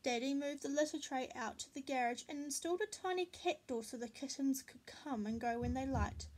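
A woman reading a children's picture book aloud as a storyteller, slow, clear and expressive. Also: sits high.

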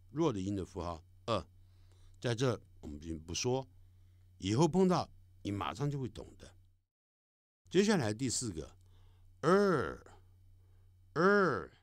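A middle-aged man teaching English vowel sounds, speaking slowly and deliberately and drawing out each sample sound. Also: fairly low pitch, no room sound, studio quality. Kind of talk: recorded classroom lesson.

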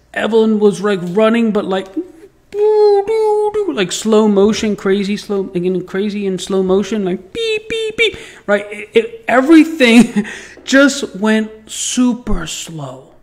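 A man telling a personal story in a casual monologue, acting out voices and sound effects and swearing freely. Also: sits high. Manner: swears freely, repeats words when excited. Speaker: podcast host.

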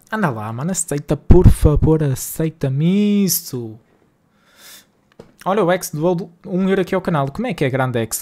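A slightly high, mellow-voiced young man from Portugal streams a game live from his home room. Speaking with a northern Porto accent, he chats with viewers in a casual, slangy, exasperated way.

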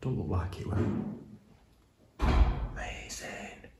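A man in his forties with an English Midlands accent, narrating an exploration vlog in a dark abandoned school in hushed, awed tones. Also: slow pace, a little hiss or hum. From England. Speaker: urban explorer host. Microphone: camera mic held at arm's length. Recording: echoey empty rooms with loud music.

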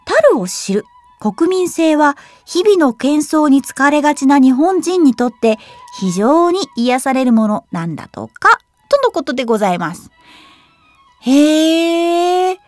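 A young woman hosting a web radio show, reading quiz trivia aloud and reacting to it with quick giggles and chatty asides. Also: high-pitched, dry recording, faint music behind. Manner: lively, giggly, reads trivia then reacts.

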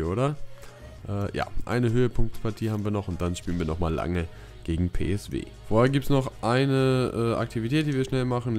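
A man's voice: on the low side, a little mellow. A man casually commenting on a football video game, reading menu options aloud and reacting loosely. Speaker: gaming YouTuber. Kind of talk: casual let's-play commentary.

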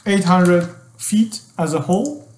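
A middle-aged man teaching an engineering software tutorial, explaining step by step with fillers and restarts. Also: high voice, unhurried, reverberant. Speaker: HVAC design instructor. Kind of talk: screen-share software tutorial.

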